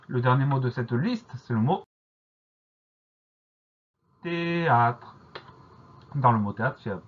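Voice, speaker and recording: A man teaching a French spelling lesson, spelling words slowly and carefully letter by letter. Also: medium pitch, slightly rough. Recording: dull lo-fi recording.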